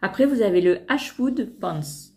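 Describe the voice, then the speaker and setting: A woman's voice: mid-range voice, expressive, unhurried, darkish tone. A woman vlogger talking casually to camera about sewing patterns, hesitant, with many fillers and restarts.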